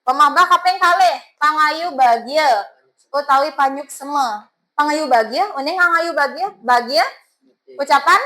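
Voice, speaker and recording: A woman's voice: high voice, normal speed, sharp tone, rough recording. A woman teacher with a Balinese accent, coaxing her students with questions as she teaches a class.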